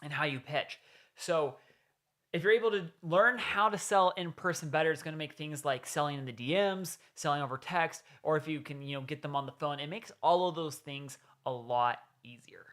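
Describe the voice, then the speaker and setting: A man's voice: on the high side, normal speed, a bit bright. A man hosting a reaction video, giving casual coaching commentary and explaining points step by step. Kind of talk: commentary on a played clip.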